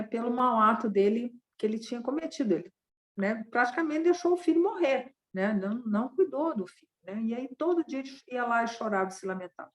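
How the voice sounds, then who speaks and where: A woman giving a Buddhist dharma talk, retelling a parable conversationally and tagging many sentences with a question. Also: a little high. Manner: conversational, constant tag questions.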